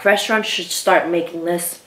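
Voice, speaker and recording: A young woman chatting casually as she eats on her video, pausing, her mouth burning from spicy food. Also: fairly low pitch, steady tone, fairly bright tone, slight background noise. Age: young adult. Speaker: mukbang video host. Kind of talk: casual chat while eating. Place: small room indoors. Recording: echoey room, distant camera mic.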